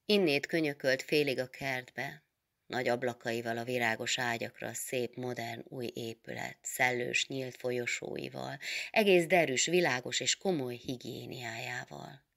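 Woman, literary reading aloud, measured, very deep voice, gravelly fry. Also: steady tone, a bit bright. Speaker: reader.

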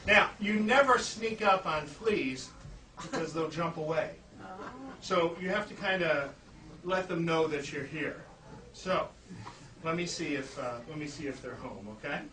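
A man's voice: on the high side, unhurried, bright, forceful tone. A man performing live stage comedy as a playful, grandiose flea circus showman, pattering to an audience with puns and mock announcements. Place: live indoor show before an audience. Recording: noisy, echoey room, distant mic.

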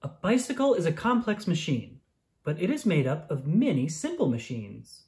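A children's science book is read aloud by a narrator with a mid-range voice at a moderate pace, using clear, expressive storytelling for young children.

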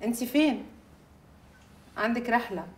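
An actress playing a jealous, quick-tempered young newlywed, speaking with an Egyptian accent, fast and accusing. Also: female voice, a little high, noisy background, lightly acted. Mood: teasing. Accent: Egyptian Arabic. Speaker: jealous new bride. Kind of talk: Egyptian film acting. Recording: film audio with music behind.

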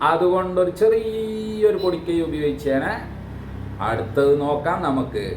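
A man's voice: high-pitched, normal speed, roomy sound, slight background noise, poor audio. A man hosting a reaction video, joking and teasing in mock outrage. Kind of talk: casual comic commentary.

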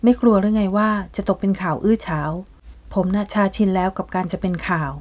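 Brief: domineering man, gruff and firm, veiled threats, voiced by a woman reader. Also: medium pitch, brisk, darkish tone, natural voice.

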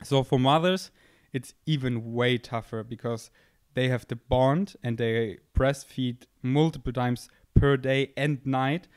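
With a mid-range, somewhat dark voice and no echo, a young man rambles casually through his podcast, poking fun at himself as he thinks aloud. He sits on a couch in an indoor room, speaking into a handheld microphone held near his mouth.

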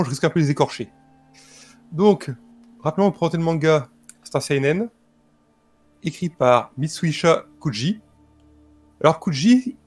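A man presenting a history topic informally, speaking in a calm, measured, explanatory way. His voice sits a little high for a man. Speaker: guest presenter.

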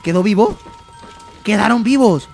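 A man reacting to an animated video in excited commentary, exclaiming often and talking straight to his viewers. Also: sits high, normal speed, gravelly, faint music behind.

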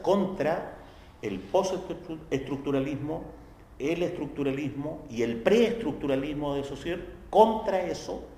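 A man with a Chilean accent giving a university philosophy lecture in a conversational way, checking understanding with tag questions and acting out quoted voices. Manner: acts out quoted voices with sharp pitch jumps. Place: lecture hall. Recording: echoey hall, faint background noise.

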